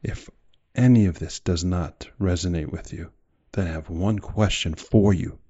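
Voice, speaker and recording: A man's voice: low-pitched, a little slow, warm tone, slightly rough, lo-fi sound. A man delivering a motivational speech in an emphatic, direct way, full of rhetorical questions and repetition. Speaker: motivational speaker.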